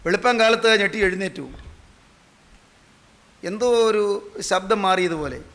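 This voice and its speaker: An older man preaches with a Malayali accent, his voice pitched very high and bright. He builds through rhetorical questions and repeated phrases. Then he sinks into a hushed storytelling tone. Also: unhurried. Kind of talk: sermon.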